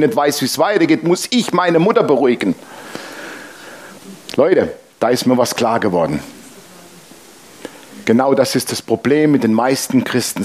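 A man preaching from the pulpit in a somewhat high voice, moving between relaxed conversational storytelling and emphatic appeals. He fires rhetorical questions at his congregation and punctuates his points with a ringing "Amen". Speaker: pastor. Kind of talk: sermon with anecdotes.

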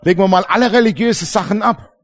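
A man preaching a sermon to a congregation, lively and colloquial, acting out little dialogues and often calling out "Amen". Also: high-pitched, fast talker. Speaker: pastor. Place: church congregation.

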